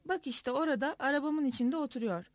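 A woman's voice: sits high, a little fast, no room sound, pitched above the performer's own voice, lightly acted. A woman reading aloud and voicing a cool, dry male lawyer who talks in an icy, understated way.

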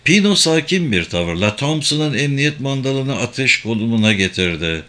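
Male audiobook narrator, bright timbre, steady dramatic read. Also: medium pitch, normal speed.

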